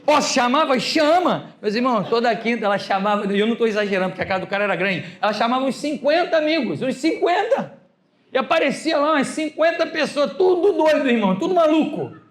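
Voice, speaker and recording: A Brazilian pastor telling a story in a sermon, acting out the dialogue and laughing along with the congregation. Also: male voice, very high voice, animated, fast. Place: church hall with a congregation. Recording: echoey church hall.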